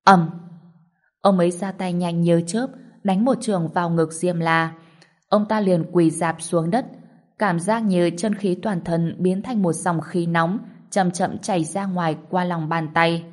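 A woman narrating a martial arts novel as an audiobook in a steady, even reading. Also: lowish voice, unhurried.

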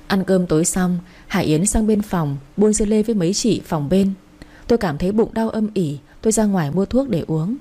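A woman's voice: medium pitch, mellow. A woman narrating a romance story in the first person, in a confiding way.

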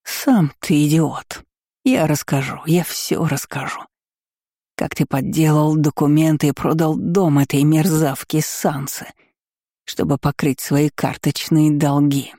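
A woman voicing a furious, scheming middle-aged baroness who talks in a slow, shrill and cutting way. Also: steady tone, mellow, dry recording, studio quality.

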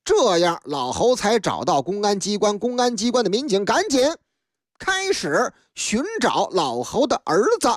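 A woman telling a comic folk story on radio, rhythmic and animated, with sound effects. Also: medium pitch, a little slow, dry recording, clean studio sound. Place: radio studio.

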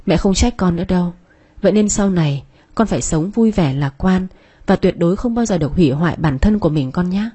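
A woman doing a gentle loving mother. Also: lowish voice, animated, brisk, slightly rough. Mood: tender. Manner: tender, coaxing. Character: loving middle-aged mother, gentle but firm.

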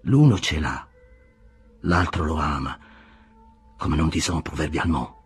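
A man's voice: very deep voice, a little slow, slightly rough, faint music behind, pitched below the performer's own voice, heavily acted. A man reading aloud voices an earnest, slightly stiff young German man in a storybook reading.

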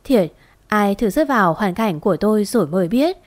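A woman's voice: mid-range voice, a little fast, no echo. Woman telling a ghost story. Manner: lively, conversational telling. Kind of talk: first-person narration of a ghost story.

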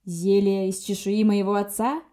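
Woman doing a young dragon guy, slow and growly, dark mellow voice. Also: medium pitch, flat delivery, close to an everyday voice. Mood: restrained anger. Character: proud young male dragon in human form, simmering.

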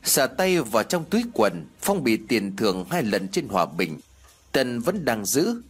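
A man narrating an audiobook ghost story in expressive storytelling fashion. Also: medium pitch, measured pace, husky.

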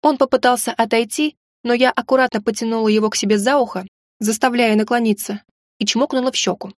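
A woman reading a first-person audiobook with expressive, emotional storytelling. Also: on the high side, fast talker, no room sound, clean studio sound. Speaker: audiobook narrator.

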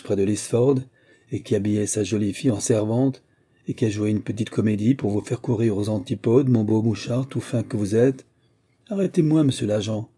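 A man's voice: medium pitch, dark tone, slightly rough, pitched above the performer's own voice, lightly acted. A man reading aloud, voicing an insolent, mocking escaped male convict in a storybook reading, raised and taunting. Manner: taunting, sneering.

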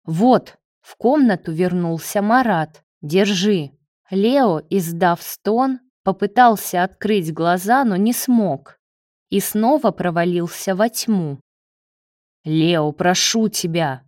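A woman narrating an audiobook in a steady, measured reading voice. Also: medium pitch, no room sound, studio quality.

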